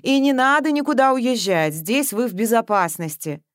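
Steady, reassuring fatherly man, voiced by a woman narrator. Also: on the high side, moderate pace, no echo, studio quality, voice pushed up, lightly acted. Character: middle-aged man, calm, fatherly, firm.

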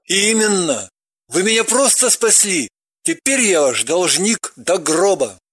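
A woman's voice: on the low side, big pitch swings, a little slow, no room sound, studio quality. A woman voicing a grateful rich man. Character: flustered rich middle-aged man, grateful.

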